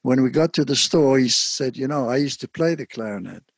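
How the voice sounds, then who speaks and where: An older man from South Africa, a saxophonist interviewed about his life in music, speaking softly and haltingly with many pauses. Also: medium pitch, breathy edge, no room sound. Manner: soft-spoken, halting with frequent pauses. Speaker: guest saxophonist. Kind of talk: casual interview.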